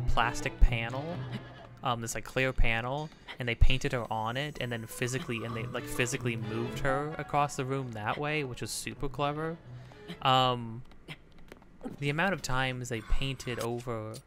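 A man hosting a let's play, chatting casually while he plays, rambling with many fillers and restarts. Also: mid-range voice. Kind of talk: casual gameplay commentary.

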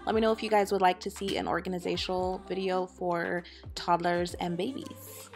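A woman's voice: lowish voice, very animated, normal speed, over loud music. A woman in her thirties, a mother, chatting casually to her viewers in a home voice-over. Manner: chatty, upbeat, talks straight to viewers. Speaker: vlogger, mother.

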